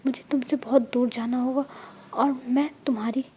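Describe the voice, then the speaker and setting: A woman's voice: high-pitched, steady tone, brisk, mellow. A woman voicing a sensitive, teasing young man in a storybook reading, in her own plain voice. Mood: tearful. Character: young man, emotional, teasing, secretly sad.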